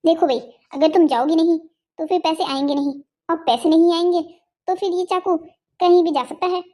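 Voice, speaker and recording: A woman's voice: very high-pitched, steady tone, normal speed, mellow. Woman voicing a sneering cartoon kidnapper man. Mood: taunting. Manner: taunting, sneering threats. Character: swaggering male sword-wielding kidnapper, mocking.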